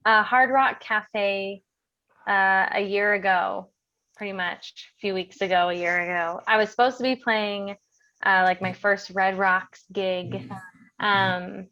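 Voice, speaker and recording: A woman's voice: medium pitch, sharp tone, highs cut off. A woman, a singer-songwriter guest, chatting easygoing and upbeat on a video-call podcast.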